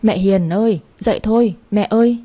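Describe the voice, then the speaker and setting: A woman's voice: mid-range voice, moderate pace, warm tone, close to an everyday voice. A woman reading the part of an anxious, flustered sister-in-law in a spoken story.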